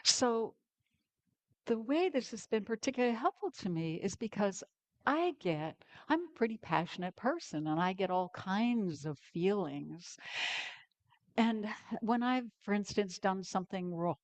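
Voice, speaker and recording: An older woman, a guest minister, giving a candid, personal sermon in a slow, pausing way. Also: medium pitch, very animated, dry recording. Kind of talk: conversational sermon.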